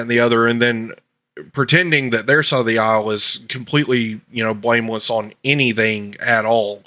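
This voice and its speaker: A man's voice: mid-range voice, sharp tone. A man hosting a political talk show, ranting emphatically in casual commentary with frequent restarts. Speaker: podcast host.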